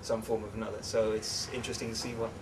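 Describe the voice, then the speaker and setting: Raised in the Netherlands though from England, this young English teacher is a relaxed interview guest, talking fast in a fairly low voice with many fillers and restarts. The chat is casual, the mic is distant, and a constant background noise sits under his speech.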